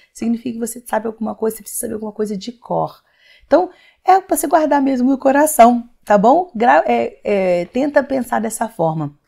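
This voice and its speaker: A young woman from Brazil teaches English grammar in a friendly online lesson, her voice sitting a little high. She keeps the talk chatty with tag questions and drawn-out words, and often speaks a student's question herself before answering it. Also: gravelly, a little mellow, husky.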